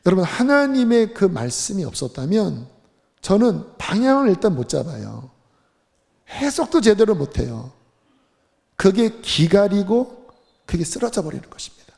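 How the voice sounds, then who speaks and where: A man's voice: high voice, very animated, normal speed, creaky, darkish tone. A man preaching a sermon as pastor in a church sanctuary, speaking with earnest, building intensity. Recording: long hall reverb from a church.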